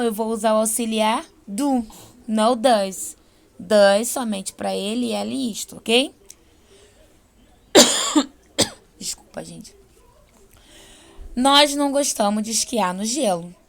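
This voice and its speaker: A young adult woman with a Brazilian accent teaching an English class, explaining patiently and slowing down for example sentences. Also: on the high side, gravelly. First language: Portuguese. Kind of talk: online class lesson.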